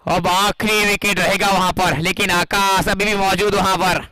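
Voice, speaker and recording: An Indian man giving excited live cricket commentary in a dramatic, emphatic manner. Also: high voice, moderate pace, low-quality recording. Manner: dramatic, emphatic, rising into exclamation at key moments.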